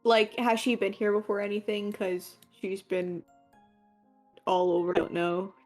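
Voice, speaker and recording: A woman's voice: medium pitch, steady tone, normal speed, darkish tone. A woman at a tabletop game asks questions in a casual, curious way. Her voice sits in a middle range. Faint music plays underneath.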